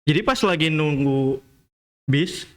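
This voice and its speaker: A young man from Indonesia, a podcast guest, telling of his studies abroad in a relaxed, hesitant way full of fillers. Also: on the high side, takes it slowly. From Tasikmalaya, Indonesia. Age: young adult. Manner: relaxed, hesitant, many fillers and "kayak gitu". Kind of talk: casual podcast interview.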